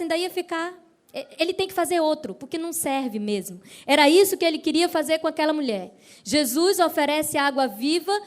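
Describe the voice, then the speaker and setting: A woman from Brazil preaches to her congregation in a high, bright voice. She tells her story in a lively way and puts questions to her listeners. She also acts out the voices of the people she quotes. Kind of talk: sermon. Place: church service.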